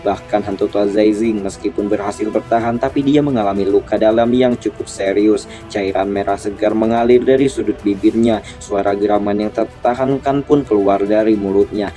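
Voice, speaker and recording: Indonesian guy narrating a dramatic fantasy story, lowish dark mellow voice, music behind. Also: fairly even intonation, moderate pace.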